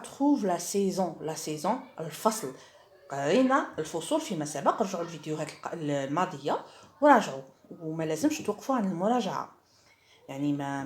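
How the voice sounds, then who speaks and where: Lively Algerian woman teaching French. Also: lowish voice. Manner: switches between French and Arabic dialect, spells out words slowly; speaks slowly and clearly when reading aloud, quick when explaining. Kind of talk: online lesson for young pupils.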